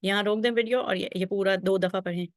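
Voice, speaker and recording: A woman's voice: mid-range voice, fairly even intonation, no echo, clean studio sound. A woman teaching Arabic grammar in a recorded slide lesson, patiently reciting verb forms and checking in with the listener often. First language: Urdu. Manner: patient, drills conjugations aloud with frequent check-ins.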